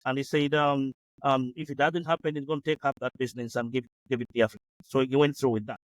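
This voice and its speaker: A man's voice: mid-range voice, fairly even intonation, fast, no room sound, poor audio. A man in his late forties from Uganda, a guest telling his story in an interview, hesitant with many fillers and restarts. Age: late 40s. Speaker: guest entrepreneur. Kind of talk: conversational interview.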